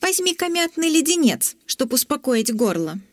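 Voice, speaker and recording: Woman as a small, kind storybook princess, high girlish voice, dry close sound. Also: sing-song, moderate pace, no room sound. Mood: caring. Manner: caring, then firm and scolding. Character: kind little girl princess who wants to be a doctor.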